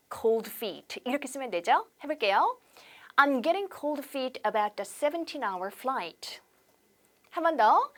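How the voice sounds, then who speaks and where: Woman, English instructor, high-pitched, animated, rhetorical questions, slow drilled example sentences. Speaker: English teacher. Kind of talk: TV English lesson, explaining in Korean.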